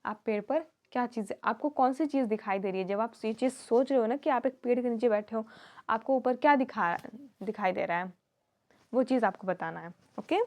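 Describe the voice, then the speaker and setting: A young woman teaching young children, slowly reading English sentences and then explaining them in Hindi. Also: fairly high pitch, darkish tone. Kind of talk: explaining a textbook lesson to children.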